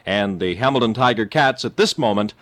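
A man's voice: on the low side, a little fast, a bit bright, no room sound. A man doing morning radio DJ patter, reading scores, time and weather, with jokey rambling asides. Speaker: radio disc jockey.

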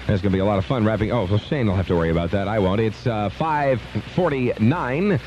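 A man's voice: fairly low pitch, expressive, quick pace, darkish tone, slight background noise. A man presenting live radio as a DJ, casual and loose with joking asides. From Southern California. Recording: dull lo-fi radio broadcast with music.

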